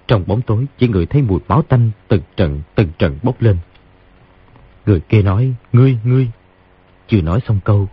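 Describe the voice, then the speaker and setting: A man's voice: fairly low pitch, slightly rough. A man narrating a martial-arts novel as an audiobook, telling the action vividly. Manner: vivid storyteller delivery. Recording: dull lo-fi audiobook recording.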